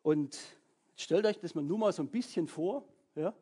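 A preacher giving a lively, casual sermon, keeping the listeners engaged with frequent check-in questions. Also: medium pitch, moderate pace, husky. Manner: animated, keeps checking in with "ja?".

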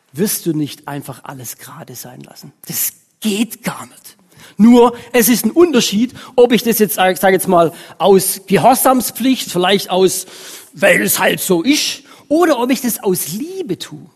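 A woman's voice: medium pitch, big pitch swings, takes it slowly, a little mellow, breathy edge. A woman, preaching a sermon in a conversational way with frequent questions to the congregation. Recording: long reverb of a hall.

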